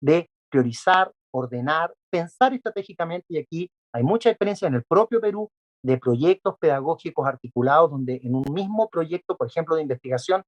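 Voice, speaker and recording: The man, an education specialist who is not Peruvian, lists his points methodically in an interview, with many fillers along the way. His voice is a little high, animated and brisk, and the recording has its highs cut off.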